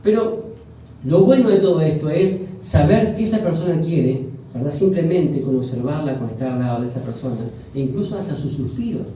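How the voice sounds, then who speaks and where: A man's voice: on the high side, expressive, a little fast, warm tone, slight background noise. A man with a Uruguayan accent preaching a sermon as pastor, joking and conversational, often asking the congregation questions. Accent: Uruguayan Spanish. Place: church hall. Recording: echoey church hall from far off.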